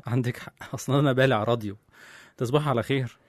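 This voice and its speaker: A man's voice: medium pitch, quick pace, dry recording, clean studio sound, lightly acted. A man with an Egyptian Arabic accent acting a teasing, caring young husband in an audio drama. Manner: joking, then soothing.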